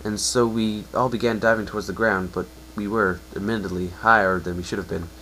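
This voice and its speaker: Played by a man in a fan-fiction reading, a young pegasus speaks in a low, fairly bright voice with fairly even intonation. He is earnest, regretful and downcast, faltering as he blames himself. The audio is poor, with faint noise.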